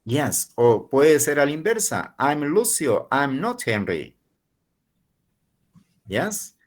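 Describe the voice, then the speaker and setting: A man in his forties, a university professor from Peru, teaching an online English class in Spanish and slowly repeating model phrases for learners. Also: mid-range voice, sing-song. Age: 40s.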